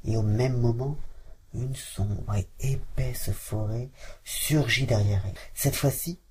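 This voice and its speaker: A woman reading a fairy tale aloud to a child, expressive and lively. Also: extremely low pitch, takes it slowly, breathy edge.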